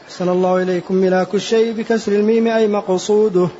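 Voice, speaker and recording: A man reading a classical text aloud to his teacher in a steady recitation, spelling out vowel markings word by word. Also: sits high, rapid-fire. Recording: dull lo-fi lecture recording with faint hiss.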